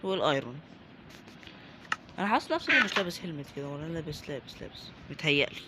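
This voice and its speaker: A man's voice: on the high side, big pitch swings, racing, heavy background noise. A young man with an Egyptian Arabic accent, giving joking, chatty let's-play commentary and talking to the game's characters. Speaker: gaming YouTuber.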